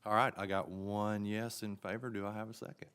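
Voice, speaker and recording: A man's voice: lowish voice, flat delivery, a little fast, a bit bright, clean tone. A man chairing a city commission meeting, running motions in an informal, folksy way.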